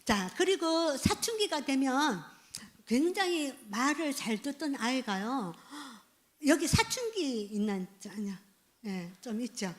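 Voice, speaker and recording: A middle-aged woman pastor giving a midweek sermon in a church, lively and hands-on, acting out short parent and child lines and asking the congregation to join in. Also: high voice, measured pace. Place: church sanctuary.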